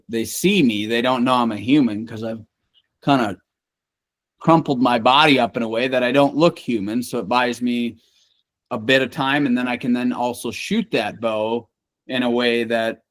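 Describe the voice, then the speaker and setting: A man's voice: mid-range voice, no echo. A man in his late thirties, a guest hunter on a podcast, earnestly explaining his views at length. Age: late 30s. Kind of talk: casual podcast chat.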